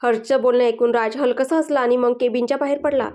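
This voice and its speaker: A woman with a high, light voice narrates a romantic story. Her reading is gentle and evenly paced, steady from line to line. She tells it the way a storyteller reads a serialized tale. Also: fast talker.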